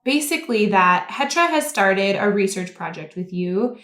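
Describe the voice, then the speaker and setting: A woman's voice: medium pitch, expressive, normal speed, fairly bright tone. A woman hosting a podcast, upbeat and enthusiastic as she introduces and interviews her guest. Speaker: podcast host.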